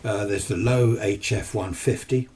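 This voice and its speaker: A British man in no hurry speaks in a steady, slightly mellow voice that sits on the low side. He's an amateur radio hobbyist giving a relaxed, unscripted talk that rambles but stays matter-of-fact. It's recorded in his home radio shack on a distant mic, with noisy room sound.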